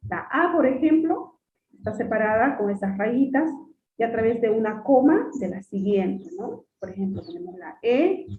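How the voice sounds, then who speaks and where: A woman teaching a class over a video call, her voice on the high side, patient and repetitive as she keeps addressing the students. The sound is narrow and phone-like, with a roomy echo and a faint hiss underneath. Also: big pitch swings, moderate pace. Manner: patient, repeats points and often addresses students as "jóvenes". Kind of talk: online class lecture. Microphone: computer mic on a video call.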